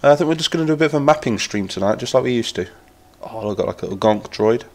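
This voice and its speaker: An Englishman from Lincolnshire, nasal with a cold, chats enthusiastically on a live stream while gaming. His mid-range voice is animated and very fast as he rambles and reads the chat aloud.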